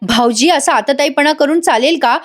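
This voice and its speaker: A woman's voice: sits high, moderate pace, close to an everyday voice. A woman voicing a caring young woman who earnestly coaxes a family member. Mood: pleading. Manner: earnest, coaxing. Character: caring young woman, pleading sister-in-law.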